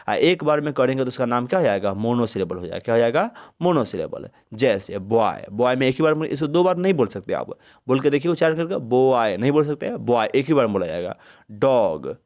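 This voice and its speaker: A male teacher giving a grammar lesson in a mid-range voice. He keeps posing questions and answering them himself, and he slows right down to stretch out words syllable by syllable. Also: mid-range voice.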